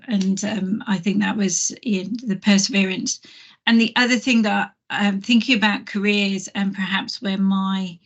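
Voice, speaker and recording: A woman's voice: medium pitch, highs cut off. A woman on a physics alumni panel, talking thoughtfully and earnestly, with many fillers and restarts. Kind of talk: panel discussion.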